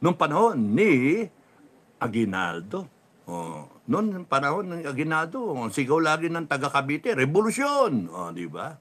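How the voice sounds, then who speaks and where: A middle-aged Filipino man hosting a casual livestream, reading viewer comments, laughing often and dropping to a low mutter after his jokes. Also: sing-song, measured pace, a bit bright. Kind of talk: casual livestream talk, mixing Tagalog and English.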